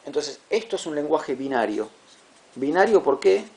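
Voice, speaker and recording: A man teaching a class, patient and repetitive, checking understanding with quick questions. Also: a little high, very animated, darkish tone. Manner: patient, repeats words, asks "¿sí?" to check. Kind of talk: classroom lecture.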